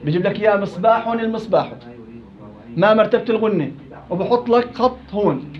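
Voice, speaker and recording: A man teaching Quran recitation rules, quizzing his students and repeating words slowly. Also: sits high, dull audio. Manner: quizzing students, drawn-out slow repetitions. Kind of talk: interactive tajweed class.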